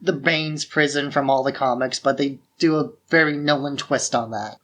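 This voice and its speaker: With a mid-range voice and fairly even intonation, a podcast host goes through a film plot at a moderate pace. It's casual and conversational, explaining the story the way you would to a friend.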